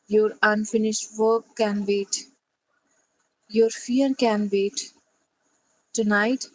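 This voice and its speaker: A woman guides a sleep meditation, speaking gently and soothingly in short phrases separated by long pauses. Her voice is medium-pitched, and the audio is poor.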